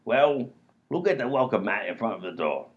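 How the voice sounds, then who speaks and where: This man's voice is lowish and natural, animated at a moderate pace, as he plays a dim, self-assured robber in a comedy radio play. The bumbling character blusters throughout, heard through dull lo-fi audio.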